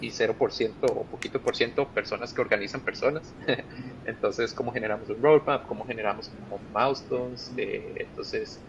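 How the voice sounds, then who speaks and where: A man with a Costa Rican accent, a project manager being interviewed, who explains ideas step by step with plain examples. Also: moderate pace. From Costa Rica. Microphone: video call. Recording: muffled call audio with faint rumble.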